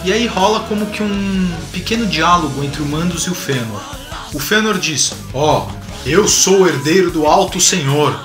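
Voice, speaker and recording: A Brazilian-accented man in his forties hosts a video, offering casual, colloquial explanatory commentary with animated rhetorical asides. His voice is a little high and his speed normal. He's in a small home room with bookshelves, with a roomy echo and music behind him.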